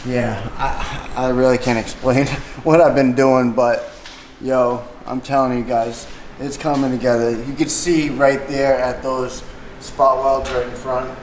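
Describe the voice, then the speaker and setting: Mid-range and flat, this young man's voice moves at a measured pace as he casually explains a car repair, slang and all. He's in his home garage with a car lift, and the recording is echoey with faint noise.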